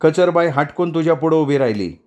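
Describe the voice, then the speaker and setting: A man's voice: fairly high pitch, lively intonation, fairly quick, voice pushed up, lightly acted. A man voicing a friendly, eager well-off village boy in a storytelling reading, speaking in an easy, coaxing way.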